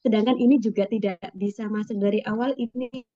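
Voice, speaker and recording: A woman's voice: medium pitch, fairly even intonation, brisk, mellow, no room sound. A middle-aged woman school principal on a video call whose voice keeps breaking up from a bad connection, speaking formally with hesitations. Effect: voice breaking up over a bad call connection. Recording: dull, lo-fi video call audio.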